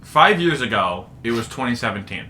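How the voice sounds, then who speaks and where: A man co-hosting a casual podcast, teasing his friend with dry quips and rarely laughing out loud. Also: medium pitch, sing-song, brisk, a little hiss or hum. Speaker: podcast co-host. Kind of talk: casual chat.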